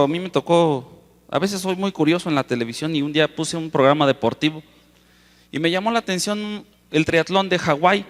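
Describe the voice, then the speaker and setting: A man preaching a sermon to a congregation, impassioned, repeatedly calling them "brother" and drawing out key words for emphasis. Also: a little high. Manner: impassioned, keeps addressing the congregation as "hermano"; stretches key words slowly for emphasis, with sudden loud rises. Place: large auditorium with long reverb. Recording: reverberant hall sound.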